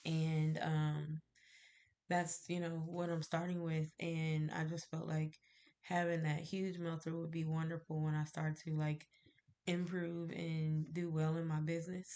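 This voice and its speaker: Her deep, darkish voice is flat and measured, muffled by a stuffy, congested cold that makes her sound nasal. The woman chats informally to camera about candle-making, rambling with fillers and soft laughs.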